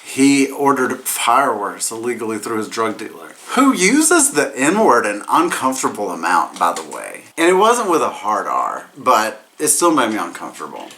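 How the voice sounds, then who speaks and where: A man's voice: mid-range voice, huge pitch swings, moderate pace, few pauses, pushed and bright. A man who sounds drunk, giving a casual comedic movie recap as a reviewer, rambling, repeating himself and losing his thread.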